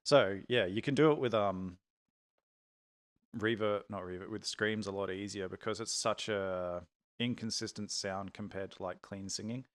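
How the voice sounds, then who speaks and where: A man with a croaky morning voice, casually explaining how he edits his vocals during a live stream, in a relaxed and chatty way with lots of fillers. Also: on the low side, normal speed, poor audio. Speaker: musician explaining vocal editing.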